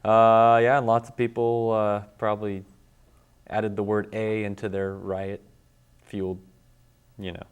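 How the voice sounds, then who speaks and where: Smooth-voiced man recapping hockey. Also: fairly low pitch, level tone, lo-fi sound. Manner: halting, filler-heavy, jokey. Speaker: sports show co-host. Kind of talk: casual sports recap.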